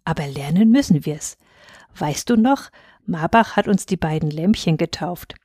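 A woman's voice: lowish voice, animated, normal speed, warm tone, husky, no echo, clean studio sound. A woman voicing a flustered young husband. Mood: eager. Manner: eager, stumbling over words. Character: flustered young newlywed man.

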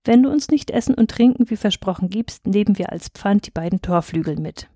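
A woman's voice: mid-range voice, lively intonation, fairly quick, warm tone, dry recording, studio quality, natural voice. A woman voicing a composed old male soldier.

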